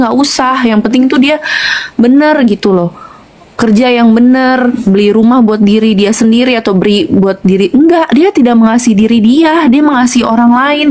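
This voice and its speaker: A woman's voice: on the high side, darkish tone. A woman calling in, confiding a family problem in a distressed, rambling way with many fillers. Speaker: caller. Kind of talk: phone-in confession.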